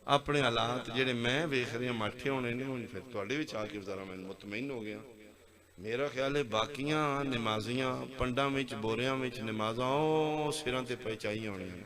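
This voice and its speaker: A man with a Punjabi accent preaching an impassioned sermon at a religious gathering, acting out dialogues and rising to loud exclamations. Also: mid-range voice, moderate pace. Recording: live gathering with crowd heard. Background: crowd.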